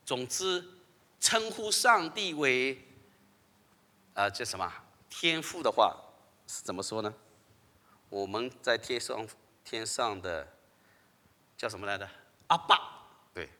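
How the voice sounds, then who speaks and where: A man's voice: medium pitch, animated, takes it slowly, pauses often, sharp tone, big-room sound. A male pastor leading an interactive sermon, who asks the congregation questions and laughs often.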